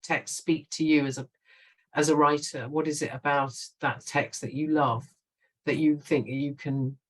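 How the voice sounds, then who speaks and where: Guest voice: middle-aged woman, chatty writer, quick to laugh, animated. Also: sits low, poor audio. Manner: lively, laughs often, animated storytelling. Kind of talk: conversational interview.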